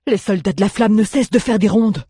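A storyteller voicing an anxious, excitable adult townsman who exclaims in alarm. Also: medium pitch, a little fast, husky, no echo, clean studio sound, pitched above the performer's own voice, lightly acted. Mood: agitated. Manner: agitated, exclaiming.

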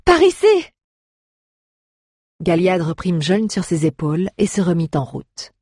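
A narrator reads a fantasy tale in an even, measured manner at a mid pitch. The voice is husky and breathy, captured close on a dry, dead mic. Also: dry recording. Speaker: audiobook narrator. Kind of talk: scripted narration.

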